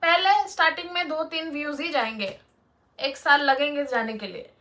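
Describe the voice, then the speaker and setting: Young woman vlogger, pretty high voice, preachy and blunt, telling viewers how to live. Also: moderate pace, pushed and bright. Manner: blunt, lecturing, addresses viewers directly. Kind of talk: motivational casual talk to camera.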